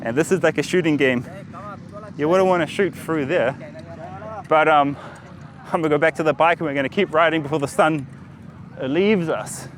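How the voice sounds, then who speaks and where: A man's voice: on the high side, normal speed, pauses often. A man giving casual travel vlog commentary as he moves around outdoors. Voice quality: speaks as a foreign visitor. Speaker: travel vlogger. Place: outdoors, busy beachfront and streets. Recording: outdoor street noise, passing vehicles.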